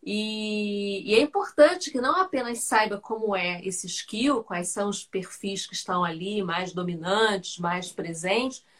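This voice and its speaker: A woman with a Brazilian Portuguese accent hosting a live-stream interview and sharing thoughtful, measured reflections in casual chat. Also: mid-range voice, fairly bright tone. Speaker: host.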